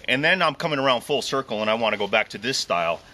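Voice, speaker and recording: A middle-aged man hosting a casual outdoor gear chat, teasing and animated, recorded from a camera a few steps away. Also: medium pitch, fast talker. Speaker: host. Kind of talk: casual show-and-tell chat. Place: outdoors in a wooded park.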